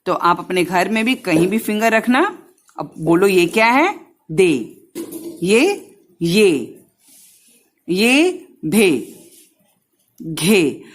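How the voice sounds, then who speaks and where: A woman teaching young children a lesson, drawing out each syllable and repeating drills, speaking to them directly and gently. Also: fairly low pitch, very animated, slow pace, long pauses.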